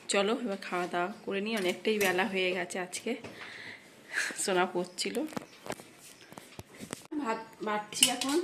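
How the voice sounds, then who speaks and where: A woman in her thirties, a home vlogger and mother, chatting casually to her viewers while she cooks at home. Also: medium pitch. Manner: chatty, talks straight to viewers while cooking. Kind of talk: casual vlog narration to viewers. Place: home kitchen indoors. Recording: clattering kitchen noise behind. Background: dishes, pots and cutlery clatter.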